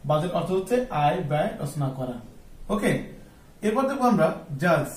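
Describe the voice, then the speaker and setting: A man's voice: high-pitched, a little mellow, echoey room, recorded from a distance, poor audio. A man giving an English lesson as a tutor, asking his class questions, answering them himself, and spelling words out letter by letter. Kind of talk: spoken lesson.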